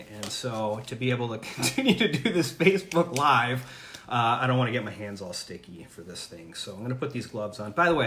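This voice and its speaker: A slightly bright, mid-range male voice hosts an easygoing home livestream, chatting upbeat as he tastes food and often beginning sentences again. Recorded indoors through a camera or phone mic, the sound carries room echo, faint background ambience and a little hiss or hum.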